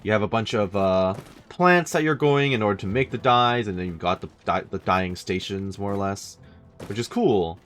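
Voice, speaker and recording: A man's voice: fairly low pitch, moderate pace, fairly bright tone, soft background music. A man commentating casually as he plays a game, thinking aloud in a dry way. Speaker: gaming let's-player.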